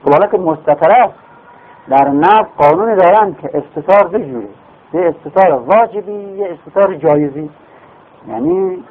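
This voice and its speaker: A man teaching grammar in a classroom lecture, explaining patiently, repeating terms and asking and answering his own questions. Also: a little high. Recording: phone-like lo-fi recording.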